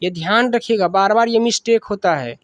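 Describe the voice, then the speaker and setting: A woman with a Bihari accent teaches grammar in a dry, close-sounding recording. She asks her listeners a question, then answers it herself, and keeps going back over each point. Her pitch sits in a middle range. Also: fairly quick, dry recording. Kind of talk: classroom grammar lesson.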